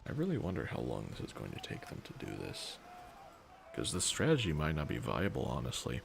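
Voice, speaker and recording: A man's voice: a bass voice, wildly swooping pitch, brisk, gravelly, background noise. An exhausted man rambling and thinking aloud as he streams a strategy game in a casual way.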